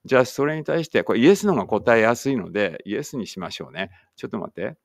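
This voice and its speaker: A man's voice: medium pitch, animated, fast talker, gravelly, dry recording, clean studio sound. A man teaching an online English writing lesson, thinking aloud as he types and chatting encouragingly to students.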